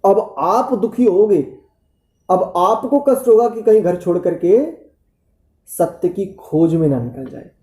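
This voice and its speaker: A man delivers a devotional teaching on scripture in a deep, mellow, very dark tone. He speaks earnestly, asking his listeners rhetorical questions. The recording carries a noticeable roomy echo. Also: slow pace.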